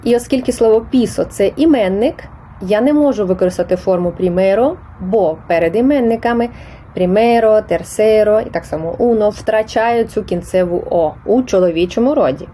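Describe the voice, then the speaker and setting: A woman talks through Spanish grammar questions like a patient teacher, pausing and correcting herself as she goes. Her voice is mellow and warm, sitting at a middle pitch, with a faint hiss of noise behind it. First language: Ukrainian. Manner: patient, explanatory, with small hesitations. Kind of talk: explaining test answers.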